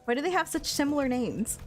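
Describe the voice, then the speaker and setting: A woman chatting casually with viewers on a game livestream in a cute, bubbly anime-streamer manner. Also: high-pitched. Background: video game music.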